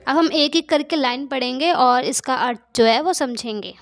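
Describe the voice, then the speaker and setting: A woman with a high, light voice teaches a poem to young pupils. She reads each verse slowly and deliberately. Then she restates it in plain, chatty words, often repeating herself to make it clear. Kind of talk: explaining a Hindi poem line by line.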